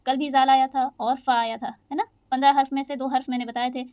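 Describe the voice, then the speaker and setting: A woman teaching Quran recitation rules, patiently explaining each rule and reciting verses slowly. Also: high-pitched, little pitch movement, darkish tone, smooth, no echo. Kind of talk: step-by-step recitation lesson.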